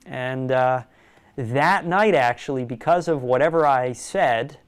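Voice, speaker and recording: Smooth-voiced young man telling stories. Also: medium pitch, unhurried. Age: young adult. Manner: animated storyteller, laughs often. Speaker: magician guest. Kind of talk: casual storytelling interview.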